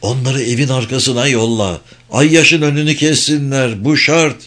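A man's voice: mid-range voice, moderate pace, a bit bright, lightly acted. A man voicing a grim, urgent man who barks commands in a raised voice. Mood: urgent commanding.

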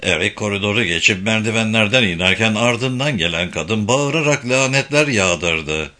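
A man narrating a novel as an audiobook with expressive, animated reading. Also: lowish voice, normal speed. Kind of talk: scripted narration.

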